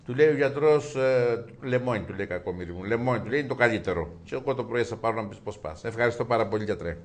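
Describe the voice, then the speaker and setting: A man telling jokes in a chat, acting out the characters and going high and loud at the punchlines. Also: expressive, a little hiss or hum. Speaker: joke teller.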